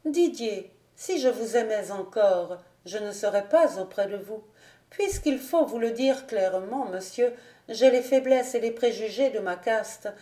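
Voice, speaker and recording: A woman reading a novel aloud, voicing a proud young noblewoman in a slightly higher voice, haughty and controlled. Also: animated, measured pace, warm tone, recorded from a distance. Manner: controlled, haughty, restraining tears. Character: proud young noblewoman hiding her heartbreak. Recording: roomy home recording.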